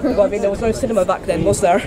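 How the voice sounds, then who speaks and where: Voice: mid-range voice, fairly even intonation, very fast, crowd noise. A tour guide telling a story informally outdoors, chatty, with wry humour. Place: outdoors on a city street, cars behind. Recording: very noisy outdoor street recording with traffic.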